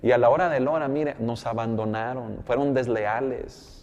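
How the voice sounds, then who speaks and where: A Mexican pastor preaching with emphasis, his mid-pitched male voice ringing with a long, lingering reverb. He keeps turning to his listeners as brother, pressing each point home. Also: steady tone, moderate pace, a little mellow, dull audio. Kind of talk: sermon.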